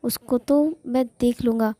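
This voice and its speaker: A woman's voice: on the high side, fairly even intonation, unhurried, warm tone, no room sound, natural voice. A woman voicing an angry, domineering man who scolds and gives orders, inside a told story. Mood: commanding. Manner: scolding, commanding. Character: angry older-brother type man, domineering. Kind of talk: storytelling with voiced characters.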